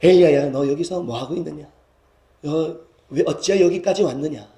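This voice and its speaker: A man voicing God as a tender, consoling figure, speaking softly and low with a Gyeongsang accent. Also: normal speed, close to an everyday voice. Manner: soft, low, hushed and consoling. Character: gentle, tender God calling a weary prophet. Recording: echoey church hall.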